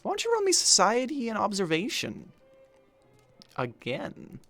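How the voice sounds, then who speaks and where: A man narrating as game master of a tabletop game, relaxed and hesitant. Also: sits high, a little slow, vocal fry, soft background music.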